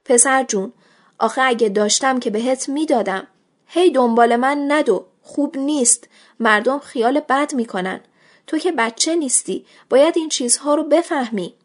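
A woman reading a short story aloud, voicing a poor, frightened woman who pleads with a boy in a trembling voice. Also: sits high. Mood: gently pleading. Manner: pleading, flustered.

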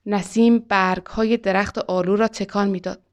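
Woman author reading her short story, calm and measured, mid pitch.

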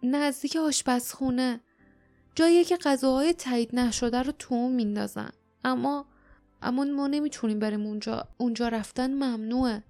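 Woman reading as a timid young girl, high and fearful, hesitant delivery, storybook. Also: fairly even intonation, dark tone, faint music behind. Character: frightened young female city girl.

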